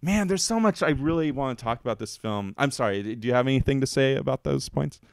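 In a dry, clean studio recording, a man with a medium-pitched, gravelly yet smooth voice talks fast and expressively. As a podcast co-host, he gives a casual film review that rambles, gets emotional and leans heavily on fillers.

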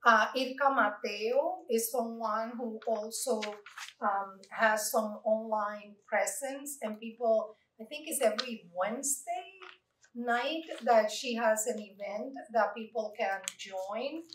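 A woman poet answering audience questions, slow and thoughtful, with many fillers and restarts, standing at a lectern in a library meeting room. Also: fairly high pitch, a bit bright, a little hiss or hum. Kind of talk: unscripted Q&A at an author talk. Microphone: far room mic. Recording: echoey room recorded from far off.

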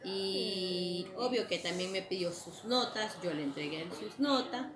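A woman's voice: mid-range voice, echoey room, over music. A woman teaching a spelling lesson to children, patiently asking questions and answering them herself, stretching out words as she says them. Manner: drawn-out, emphatic pronunciation of words.

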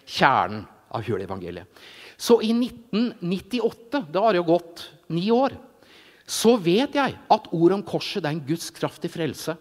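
A middle-aged man gives an informal sermon testimony, telling his story in an animated way and acting out voices. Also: fairly high pitch. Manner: animated storytelling, acts out voices, frequent "ikke sant". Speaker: preacher. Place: large church hall. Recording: reverberant church hall.

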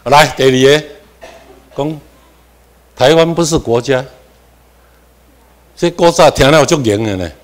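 A man's voice: unhurried, pauses often. A man with a Taiwanese accent giving a classroom lecture, moving between Hokkien and Mandarin, dropping in English terms and asking himself questions as he goes. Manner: animated, with sudden rises in pitch and volume for emphasis. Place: lecture room.

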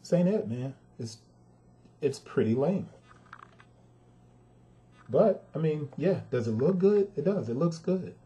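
A man's voice: fairly high pitch, lively intonation, takes it slowly, pauses often, warm tone, highs cut off. A man who is a father gives a casual, emphatic sneaker review, talking straight to his viewers and venting his frustration. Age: adult with a son.

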